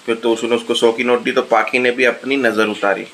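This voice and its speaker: A man giving a casual, animated recap of a TV serial episode, retelling the characters' lines. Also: medium pitch, fairly quick, slight background noise. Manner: animated retelling of dialogue with laughter.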